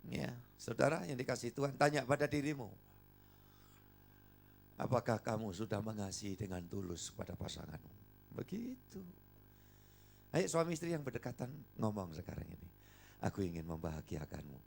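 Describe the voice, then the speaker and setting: An older man preaching a sermon, animated and coaxing the congregation to respond. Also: medium pitch, normal speed, vocal fry, long pauses, slight background noise. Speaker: pastor. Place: church service.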